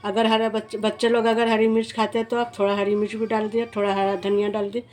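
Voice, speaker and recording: A woman's voice: medium pitch, level tone, fast, a little mellow. Homely woman demonstrating a home recipe. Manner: homely, repetitive, restarts often. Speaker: cooking channel host.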